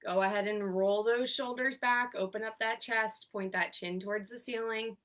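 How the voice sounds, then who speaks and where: Leading a seated exercise class online, a young occupational therapist counts down each hold in an upbeat, encouraging way despite a congested voice from sinus trouble. Her voice is a little high and fairly bright, with fairly even intonation and a moderate pace. She's far from the mic.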